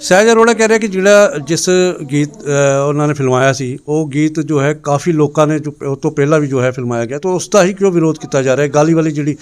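Fast-talking male interviewer. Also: a little high, clear, resonant tone. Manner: probing, challenging questions. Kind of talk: news interview.

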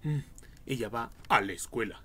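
A young adult man with a Mexican accent livestreams a game, his mid-range voice a bit bright at a normal speed. His commentary is casual, slangy, foul-mouthed and full of jokes.

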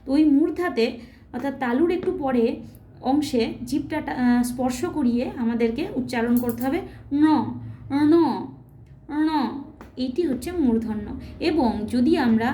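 Bengali-speaking woman teacher, high mellow voice, patient, self-questioning, echoey room. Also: slight background noise. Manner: patient, asks and answers her own questions; demonstrates sounds slowly, repeating them. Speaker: Sanskrit teacher. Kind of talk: explanatory online lesson.

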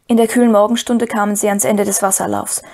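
A woman narrating a fantasy audiobook in a steady, even storytelling manner. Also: mid-range voice, quick pace. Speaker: audiobook reader. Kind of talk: scripted narration.

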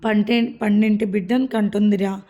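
A woman's voice: mid-range voice, little pitch movement, a little fast, dark tone, lightly acted. A woman reading a storybook voices a caring older sister who reassures her frightened younger brother. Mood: soothing.

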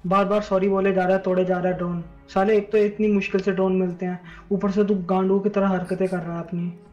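Male streamer, headset mic, high and monotone, profane scolding banter. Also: fast, muffled recording, faint music behind. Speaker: livestreamer. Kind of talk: casual gaming chat.

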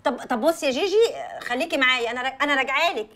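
Soothing Egyptian best friend. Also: female voice, sits high, rapid-fire, sharp tone. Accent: Egyptian Arabic. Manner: soothing, juggling two phone calls. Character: calming young woman, the bride's best friend. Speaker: actress. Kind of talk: Egyptian TV drama acting.

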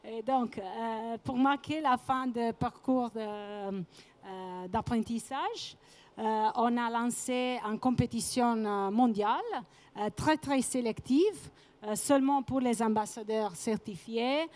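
A woman in her thirties giving a stage presentation in non-native French with a foreign accent, pausing to search for words and repeating them. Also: fairly high pitch, darkish tone. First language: not French. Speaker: conference presenter. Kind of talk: public presentation. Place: trade-show conference stage, indoors. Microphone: handheld microphone.

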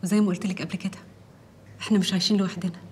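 A woman's voice: mid-range voice, flat delivery, rapid-fire, darkish tone, slight background noise, lightly acted. A young actress with an Egyptian accent playing an eager working woman who talks earnestly about living her own life in a TV drama. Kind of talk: TV drama dialogue.

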